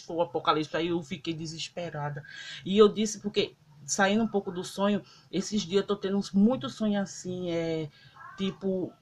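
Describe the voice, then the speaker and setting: A Brazilian woman recording on her phone, emotionally recounting a dream in rambling casual speech full of fillers. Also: mid-range voice. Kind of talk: casual spoken testimony. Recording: loud guitar music behind the voice.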